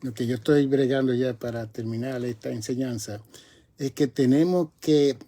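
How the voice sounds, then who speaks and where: Pastor preaching, mellow voice. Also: male voice, medium pitch, fairly even intonation. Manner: preaching with emphatic rises and drawn-out words. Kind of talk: sermon.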